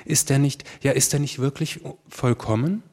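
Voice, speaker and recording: A man's voice: medium pitch, moderate pace, darkish tone, lightly acted. A man voicing a theatrical actor who mimics a grand sculptor, grandiose and exclamatory.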